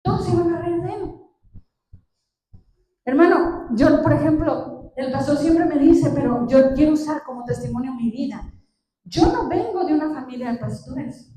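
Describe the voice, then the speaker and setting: A woman's voice: sits high, lively intonation, normal speed, mellow. A woman preaching a sermon, retelling a Bible story and putting questions to the congregation. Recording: echoey hall, distant mic, faint noise.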